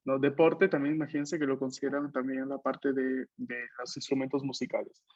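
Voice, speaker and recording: A man's voice: mid-range voice, little pitch movement, brisk, darkish tone, dry recording. A man teaching a language class online, explaining patiently and tagging his sentences with a questioning "no?". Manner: explanatory, tags most phrases with a questioning "no?". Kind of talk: online Italian class taught in Spanish. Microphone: computer mic on a video call. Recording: dull lo-fi video call audio.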